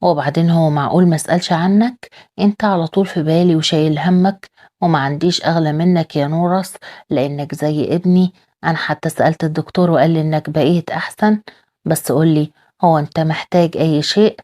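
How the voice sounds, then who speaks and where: A woman's voice: sits low, quick pace, mellow. A woman with an Egyptian accent reading the lines of a desperate, indebted older diplomat. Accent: Egyptian Arabic.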